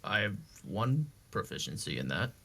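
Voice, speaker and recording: A man's voice: fairly low pitch, sing-song, moderate pace, gravelly, a bit bright, breathy edge. A man playing a tabletop role-playing game, speaking in casual chat that slips in and out of character.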